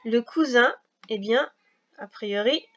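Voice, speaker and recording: A woman teaching a recorded reading lesson for young children, explaining slowly, patiently and step by step. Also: fairly high pitch, fairly bright tone, highs cut off.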